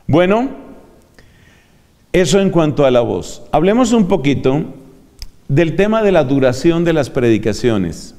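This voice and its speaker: A man teaching how to preach, in a measured lecture manner that shows off his vocal range. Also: fairly high pitch, sing-song, a little mellow. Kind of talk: homiletics lecture. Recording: long hall reverb.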